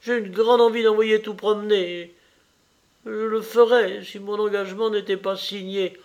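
A male reader doing a hot-headed teenage boy, loud and threatening. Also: high-pitched, level tone, moderate pace, pitched above the performer's own voice. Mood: defiant. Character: sixteen-year-old boy, jealous, hot-tempered.

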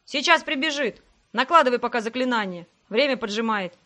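A woman voicing a bossy male orc race steward who barks orders loudly in an audiobook. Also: a little high, lively intonation, fairly quick. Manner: loud, ordering about.

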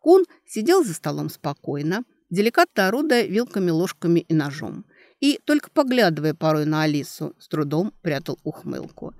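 A woman narrating an audiobook in an expressive, animated reading. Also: lowish voice, moderate pace, dry recording.

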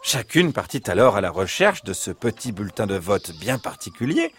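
A man narrating a children's bedtime story in an expressive, dramatic storytelling manner. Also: lowish voice, moderate pace, a little hiss or hum.

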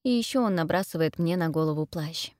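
A young adult woman narrating a first-person story as an audiobook reader, in a steady, measured way. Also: lowish voice, no room sound, studio quality.

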